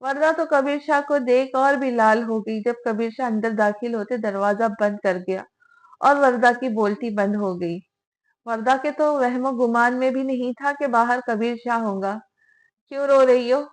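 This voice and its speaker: A woman reading a romance novel aloud in a steady storytelling style. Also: fairly high pitch, unhurried, poor audio. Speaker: audiobook narrator. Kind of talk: dramatic novel narration.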